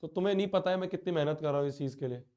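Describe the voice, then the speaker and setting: A man's voice: on the high side, very fast, darkish tone. A young man teaching a live online class, speaking with hurt feelings and repeating himself, his nose and throat blocked. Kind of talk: live class address to students.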